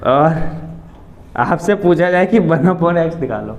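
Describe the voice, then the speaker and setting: A man's voice: a little high, expressive, a little slow, reverberant. A man teaching a maths class, questioning his students and calling them "beta" as he works through the steps.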